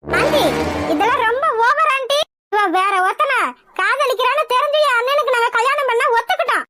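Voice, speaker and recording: A woman's voice: very high voice, fairly quick, over music. A woman voicing a bratty, scheming young sister-in-law in a cartoon, snippy and complaining. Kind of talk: Tamil cartoon voice acting.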